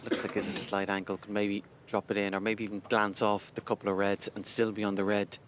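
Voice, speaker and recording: A man giving hushed, measured snooker commentary in an understated manner. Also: on the low side, flat delivery. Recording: light noise, audience murmur behind. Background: snooker arena crowd.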